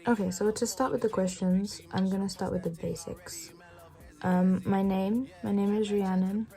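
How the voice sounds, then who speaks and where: A 21-year-old woman, chatting casually through a makeup tutorial in a relaxed, often half-whispered way. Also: mid-range voice, moderate pace, soft background music. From England. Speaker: beauty vlogger.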